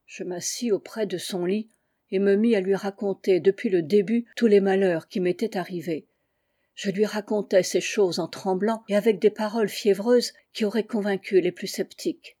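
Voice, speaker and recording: A woman's voice: mid-range voice, steady tone, normal speed, mellow. A woman reading a classic story aloud in the first person, with tense, feverish delivery. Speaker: audiobook reader. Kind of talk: first-person literary narration.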